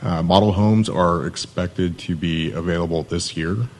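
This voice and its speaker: A man from Southern California with a Californian American accent gives a live presentation as a city development manager, matter-of-fact yet personable. His voice is low-pitched and monotone, and he speaks unhurriedly. A little hiss or hum is audible.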